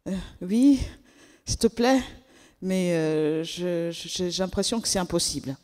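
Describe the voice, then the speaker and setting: Unsure schoolboy , done by a woman storyteller, stumbling, slow, low. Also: lively intonation, a little mellow. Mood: hesitant. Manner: hesitant, stumbling with fillers. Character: boy schoolchild struggling with English. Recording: echoey church hall.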